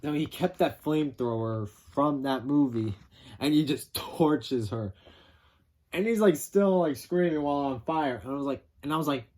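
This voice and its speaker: A man casually retelling a film's plot as a reviewer, rambling and animated, acting out quotes with some swearing. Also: a little high, moderate pace. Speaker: film reviewer.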